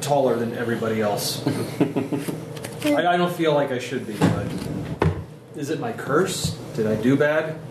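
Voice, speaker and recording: A man's voice: medium pitch, a little slow, pauses often. A man playing a tabletop game, talking casually in a jokey, mock-apologetic way. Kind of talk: casual character introduction. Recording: echoey room with clear background noise.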